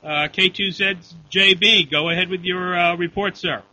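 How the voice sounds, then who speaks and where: Acting as net control for a ham radio storm net, a high-voiced man speaks at a moderate pace with fairly even intonation, sticking to formal procedural radio language over muffled, lo-fi audio with a slight hum.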